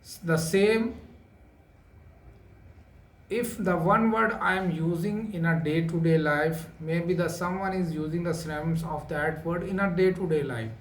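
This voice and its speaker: Guy teaching english, high voice, slow and repetitive, lots of uhs, echoey room. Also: fairly even intonation. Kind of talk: spoken English lesson. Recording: echoey room with faint ambience.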